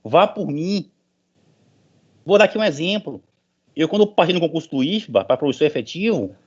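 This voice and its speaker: This middle-aged male professor has a darkish voice on the high side. Speaking to an online meeting call, he is informal and emphatic, repeating phrases to motivate, and the audio is dull and lo-fi.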